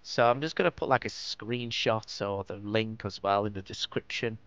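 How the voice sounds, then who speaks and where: The voice is a man's, fairly low and a little bright, moving at a moderate pace as he gives rambling, self-mocking commentary in a game-building tutorial. He has a Lancashire accent from northwest England, and the dull lo-fi recording carries clear background noise.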